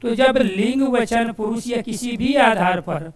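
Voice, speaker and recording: A male coaching teacher giving a Hindi grammar lesson for exam students, asking questions and answering them himself and repeating key phrases slowly as if dictating. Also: extremely high pitch, reverberant, distant mic. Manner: addresses listeners as dear friends.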